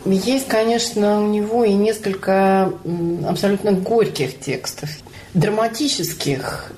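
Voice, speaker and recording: A woman's voice: mid-range voice, a little slow, a little mellow, a little hiss or hum. A woman hosting a radio interview, introducing and questioning her guest in a conversational way.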